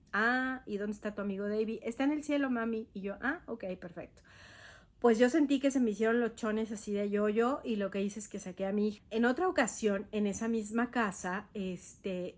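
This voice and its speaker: A woman with a Mexican accent telling her own ghost stories to listeners, chatty and hesitant, slowing down for suspense. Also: medium pitch. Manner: conversational, hesitant fillers, slows for suspense. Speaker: podcast host. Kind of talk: personal ghost-story telling.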